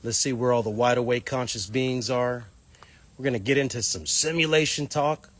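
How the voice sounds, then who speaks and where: A man's voice: mid-range voice, normal speed, fairly bright tone. A man hosting a casual livestream outdoors, a little nasal from a cold, talking loosely and greeting viewers as they arrive. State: nasal congestion. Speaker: livestream host. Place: outdoors near homes.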